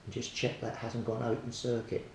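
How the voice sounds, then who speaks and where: His voice stays fairly flat in pitch and moves at a normal speed. As a hobbyist radio repairer presenting his progress, he talks through the repair methodically and spontaneously, thinking out loud. The recording is echoey with a distinct rumbling noise behind it.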